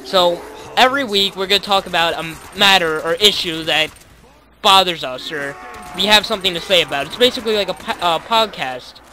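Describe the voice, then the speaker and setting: Young male host, high bright voice, rambling gaming-chat host. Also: a little fast, slight background noise, poor audio. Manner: rambling, many fillers. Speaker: podcast host. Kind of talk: casual gaming podcast chat.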